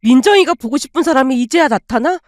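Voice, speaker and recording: A woman's voice: high-pitched, animated, fast talker, no room sound, studio quality. Woman doing a bitter, curt angry mother. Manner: sharp, curt retorts. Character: bitter, angry middle-aged mother, cold.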